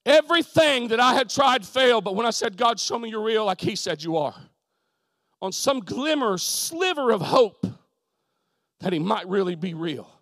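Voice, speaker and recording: A man preaching a sermon testimony to a congregation in church, folksy and fervent, dropping to a hush and then rising to shouts. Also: high voice, expressive, moderate pace, no room sound. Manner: fervent, swings from hushed to shouting; folksy, repeats "you understand what I'm saying". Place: church service in front of a congregation.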